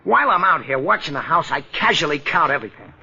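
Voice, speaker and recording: Jumpy, high, sharp-voiced comic sidekick. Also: male voice, quick pace, vocal fry, heavily acted. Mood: excited. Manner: excitable, wisecracking, slangy. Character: jumpy, complaining comic male detective's sidekick. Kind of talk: 1940s radio acting. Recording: muffled 1940s radio broadcast.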